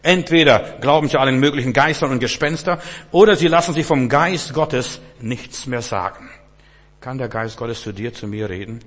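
Husky fervent preacher man. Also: normal speed. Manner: swings between hushed low passages and loud, fervent outbursts; repetitive, with stammered restarts. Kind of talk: sermon. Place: church. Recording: long church hall reverb.

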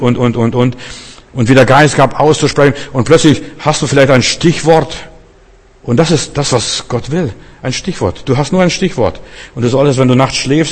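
A man preaches to his listener in a sermon. His voice sits in the middle range and keeps pressing the same urgent exhortations. The sound rings out with the long reverb of a hall. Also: mid-range voice. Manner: addresses listener directly with repeated exhortations.

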